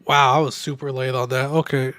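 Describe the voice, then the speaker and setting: A man's voice: medium pitch, flat delivery, brisk, a bit bright, clean tone, no room sound. A young man chatting loosely and swearing while streaming a baseball video game, a bit drunk and with a sore throat. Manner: loose, profane, rambling while playing. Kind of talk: casual gaming livestream chat.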